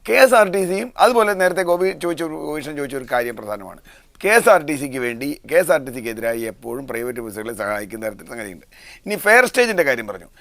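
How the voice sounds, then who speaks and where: A man's voice: medium pitch, very animated, fast talker, fairly bright tone, dry recording. A man arguing his point as a guest on a televised panel discussion. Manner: argumentative, rebutting.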